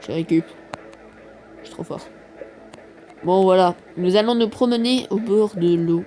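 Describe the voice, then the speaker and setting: A man with a high but dark-toned voice gives rambling, self-deprecating commentary on a mobile game, peppered with fillers. He's a mobile game YouTuber capturing audio through his phone mic during screen recording, which leaves a slight hiss or hum.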